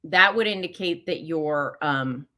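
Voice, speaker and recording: A middle-aged woman with a low, bright, forceful voice hosts a live question-and-answer session, answering listener questions. She speaks unhurriedly and casually, with many fillers and self-corrections.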